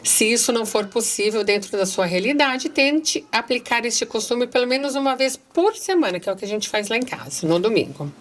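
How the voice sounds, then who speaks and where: A woman's voice: on the high side, animated, a little fast, few pauses. Earnest middle-aged Brazilian woman. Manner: earnest, addresses listeners directly. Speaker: guest. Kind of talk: casual conversation, reading passages aloud.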